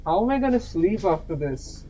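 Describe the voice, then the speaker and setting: A man's voice: high-pitched, very animated, normal speed, dark tone, slight background noise, poor audio. A man giving casual live reaction commentary like a spooked horror streamer, nervous and easily scared. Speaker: reaction streamer watching scary videos.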